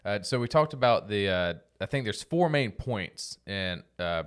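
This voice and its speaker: A young adult man hosting a podcast, speaking in a relaxed, casual way with plenty of fillers. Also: on the low side, measured pace, clear, resonant tone. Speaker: podcast host.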